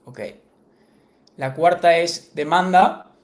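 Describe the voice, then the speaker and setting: A man co-hosting a live-streamed podcast, giving brisk, relaxed answers in a word game. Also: fairly high pitch. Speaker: podcast co-host.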